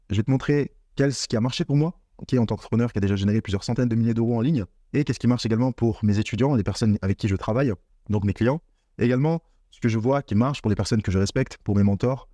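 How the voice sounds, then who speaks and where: Fast-talking man coaching business mindset. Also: on the low side, dark tone, no echo, clean studio sound. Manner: earnest, repetitive, addresses viewer as tu. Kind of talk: direct-to-camera motivational talk.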